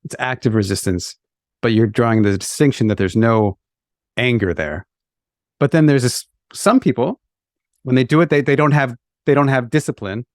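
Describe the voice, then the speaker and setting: A man's voice: mid-range voice, normal speed, no room sound, studio quality. A man hosting an interview podcast, summarizing and explaining his guest's point. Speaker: podcast host. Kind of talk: conversational interviewing.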